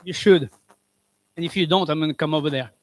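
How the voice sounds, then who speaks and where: A man co-hosting a live radio show, throwing in short teasing remarks. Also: fairly high pitch. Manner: quick teasing interjections. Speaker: radio co-host chef.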